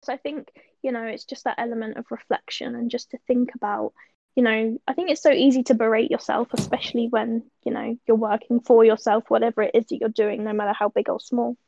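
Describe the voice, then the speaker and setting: Woman, podcast guest, small business owner, upbeat and chatty, slightly high voice, dry sound. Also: level tone, fairly quick, gravelly, dark tone, no room sound, muffled recording. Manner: upbeat, chatty, laughs often. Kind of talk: casual interview chat.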